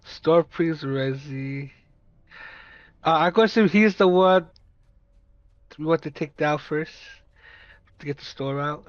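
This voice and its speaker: A man's voice: a little high, takes it slowly, pauses often, no echo, lo-fi sound. A man playing a tabletop game, chatting casually and thinking aloud. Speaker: player.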